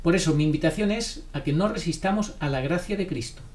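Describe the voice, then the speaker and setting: A man's voice: a little high, brisk, darkish tone. A man giving impassioned religious commentary, insistent and preachy, hammering his points through repetition. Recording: roomy echo.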